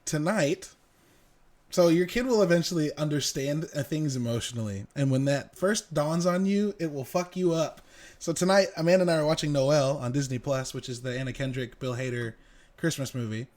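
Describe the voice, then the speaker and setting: A man in his thirties, co-hosting a casual gaming podcast chat, telling stories with excitement and plenty of swearing. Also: on the high side, fairly quick. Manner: excitable storyteller, swears freely. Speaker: podcast co-host.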